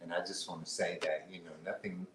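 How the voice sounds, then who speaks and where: A man's voice: low-pitched, little pitch movement, brisk, a bit bright, roomy sound, slight background noise, rough recording. A man co-hosting a casual live stream chat, rambling with lots of fillers and restarts. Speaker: co-host.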